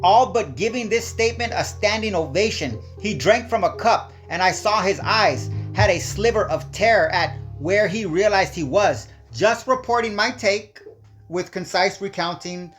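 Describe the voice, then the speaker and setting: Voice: mid-range voice, expressive, moderate pace, faint music behind. A channel host delivering a heated, scornful monologue. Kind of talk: ranting monologue.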